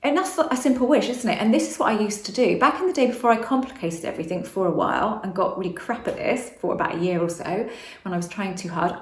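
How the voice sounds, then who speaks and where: A woman's voice: medium pitch, a little mellow, echoey room. A woman vlogging about manifestation in a casual, rambling monologue, often restarting and correcting herself.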